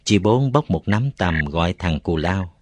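A man reading a novel aloud as narrator, with calm, even storytelling. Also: low voice, measured pace. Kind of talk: audiobook narration.

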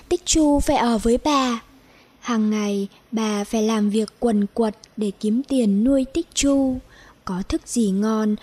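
Female narrator for a children's story: high, slow, clear. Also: warm tone.

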